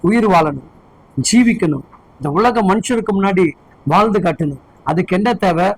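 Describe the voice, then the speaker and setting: A man's voice: high voice, expressive, moderate pace, dry recording, poor audio. A man preaching a sermon as pastor, fervently firing repeated questions at his congregation.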